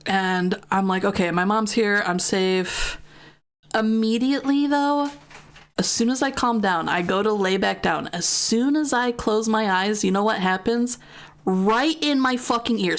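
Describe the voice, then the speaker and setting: Young american gal streaming, rambling through a spooky story, lots of likes and ums. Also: female voice, a little high, lively intonation, measured pace. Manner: chatty, many fillers and swearing. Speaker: gaming streamer. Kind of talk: casual storytelling while streaming.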